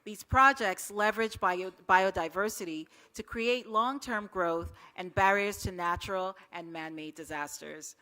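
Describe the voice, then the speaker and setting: A woman's voice: medium pitch, a little slow, hardly any pauses, pushed and bright. A woman presenting an awards ceremony, reading the category and nominees from a script. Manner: reads announcements steadily.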